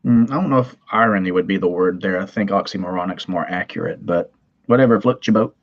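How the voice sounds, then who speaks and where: A man's voice: low voice, fast talker, dull audio. A man from Tennessee with a Southern twang, hosting a casual livestream chat, rambling, reading comments aloud and laughing easily. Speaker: livestream host.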